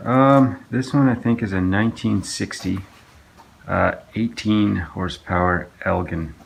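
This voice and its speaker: A man's voice: on the low side, unhurried, gravelly, slight background noise. A man casually narrating his work on an old outboard engine in a home workshop, with lots of hesitant restarts and fillers. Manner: rambling, hesitant, full of restarts and ums.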